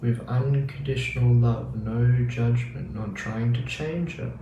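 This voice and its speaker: A man giving a casual spiritual teaching talk on meditation, acting out the mind's inner voice in quick asides. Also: medium pitch, dull audio. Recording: roomy, distant mic with faint noise.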